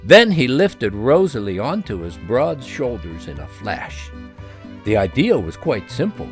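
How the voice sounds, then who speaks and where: A man reading a children's story aloud, expressive and gently explaining. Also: mid-range voice, a little slow, faint music behind.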